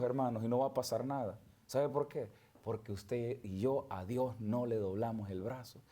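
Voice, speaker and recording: A man preaching a sermon and leading prayer, questioning his congregation directly and swinging between emphatic and soft. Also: mid-range voice. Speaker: pastor. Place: church.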